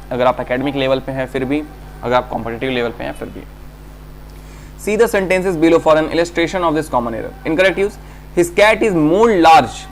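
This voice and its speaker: Man teaching grammar, quick Hindi asides. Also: medium pitch, fairly bright tone, slight background noise. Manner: reads English examples slowly, explains in quick Hindi; asks students questions and answers them himself. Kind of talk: exam-prep grammar lesson.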